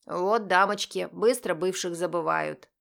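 A woman voicing a cheeky, joking teenage brother with a slightly lower, loud, playful delivery. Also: measured pace, vocal fry.

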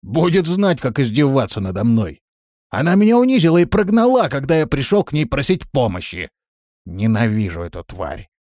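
A man's voice: mid-range voice, sing-song, moderate pace, mellow, no room sound, clean studio sound, voice pushed up, natural voice. A man voicing a boastful, whining, cowardly male creature in an audiobook. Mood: sulky.

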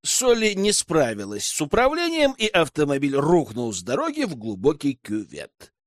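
A man narrating a fantasy audiobook in an expressive reading style. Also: fairly high pitch, moderate pace, no echo.

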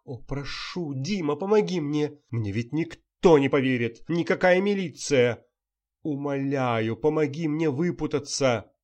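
A man's voice: on the high side, unhurried, a little mellow, pitched above the performer's own voice, lightly acted. A man voicing a frightened young actress who pleads breathlessly, near tears. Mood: panicked pleading.

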